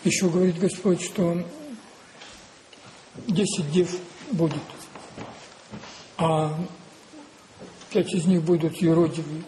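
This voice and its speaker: A man preaching a sermon, deliberate and repetitive, posing rhetorical questions and answering them himself. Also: a little high, fairly even intonation, warm tone, a little hiss or hum, poor audio.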